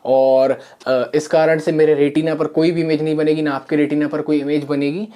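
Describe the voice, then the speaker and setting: A man, teaching a science lesson in a soft voice from a small room, explaining step by step with many fillers and repeats. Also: on the high side, level tone, moderate pace. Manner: soft-spoken. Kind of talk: classroom lesson. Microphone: camera mic.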